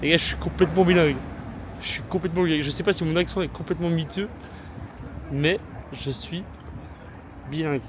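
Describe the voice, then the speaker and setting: A man vlogging his travels speaks briskly in a steady, somewhat high voice, broken up by long pauses. His manner is loose and slangy, self-mocking and full of fillers. He's mostly outdoors on busy, sunny city streets, where a small handheld gimbal camera mic picks up the noise around him.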